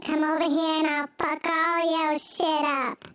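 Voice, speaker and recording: A squeaky chipmunk voice filter. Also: female voice, level tone, a little slow, a bit bright, dry recording, studio quality. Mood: amused. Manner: swears a lot, loose and joking. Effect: high-pitched chipmunk voice filter. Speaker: podcast host. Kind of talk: casual solo podcast chat.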